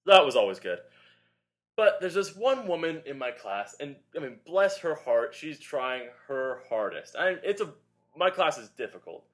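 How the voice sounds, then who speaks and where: On a fitness podcast he co-hosts, a young adult Pilates instructor rambles through a lengthy, filler-heavy story in casual conversation. He sounds very animated, with a voice on the high side and a moderate pace.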